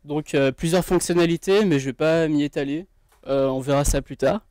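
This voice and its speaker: A man presenting his team's project on stage in a casual, halting way, with many fillers. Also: a little high, fairly even intonation, a little mellow, smooth, dry recording. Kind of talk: pitch presentation.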